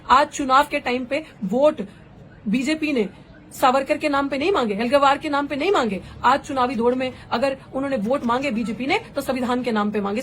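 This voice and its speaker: A young woman activist speaks in an impassioned, fervent way, driving her points home with rhetorical questions. Her voice sits on the high side. A faint hiss runs under the recording. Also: low-quality recording. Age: young adult. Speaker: political activist. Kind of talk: impassioned political address.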